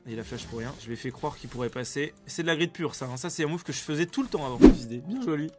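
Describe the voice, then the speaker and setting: A man giving excited live commentary on his own game play, excitable and swearing freely, bursting into shouts. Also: a little high, quick pace, over music. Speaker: streamer playing an online battle game.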